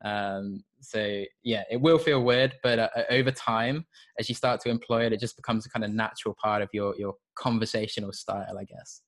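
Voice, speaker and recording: A man's voice: fairly low pitch, fairly even intonation, fairly quick. Hesitant male podcast host. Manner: thoughtful, hesitant, many fillers. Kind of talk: podcast interview, asking questions.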